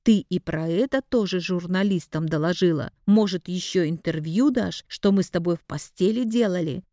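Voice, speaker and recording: A woman's voice: on the low side, moderate pace, mellow, dry recording, clean studio sound, natural voice. A woman voicing a cold, enraged man defending himself against accusations. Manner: icy then raging.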